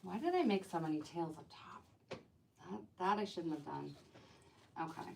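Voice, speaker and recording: A woman with a slightly low voice chats away while crafting on a live stream. She rambles happily, fills her talk with "like", and mutters to herself as her hands keep working. There is faint hiss behind her. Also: very animated, a little slow, creaky, poor audio. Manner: chatty, rambling, many "like" fillers. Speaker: wreath designer hosting a live stream.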